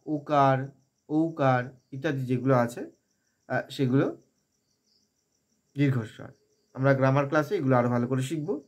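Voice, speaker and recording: A man teaching verse recitation, chanting syllables in a drawn-out way and then explaining them plainly and patiently. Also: on the high side. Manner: patient, repeats syllables for listeners to copy.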